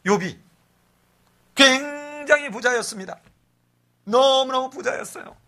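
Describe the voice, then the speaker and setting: A male pastor giving an animated Sunday sermon, telling scripture stories with rhetorical questions. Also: extremely high pitch, measured pace. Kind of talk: expository sermon.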